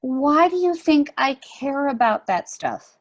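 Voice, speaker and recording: Awkward, questioning young woman played by an actress, slow delivery, dry skepticism, table-read drama. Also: high voice, sing-song, heavily acted. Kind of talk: amateur play reading.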